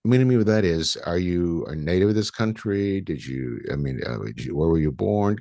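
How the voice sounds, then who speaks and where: Low-voiced chatty male podcast host. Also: expressive, normal speed, dark tone, no echo, studio quality. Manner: chatty, rambling with many restarts. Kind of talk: casual interview.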